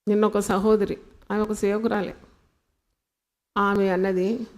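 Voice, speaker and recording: A woman preaching a sermon in a call-and-response style, asking the congregation questions and swinging between loud and soft delivery, with phrases. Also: mid-range voice, little pitch movement, a little slow.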